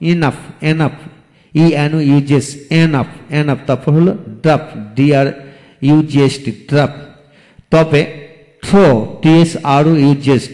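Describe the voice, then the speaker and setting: A male English teacher giving a recorded video lecture, spelling each word letter by letter and then repeating it slowly. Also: on the high side, warm tone, long reverb tail.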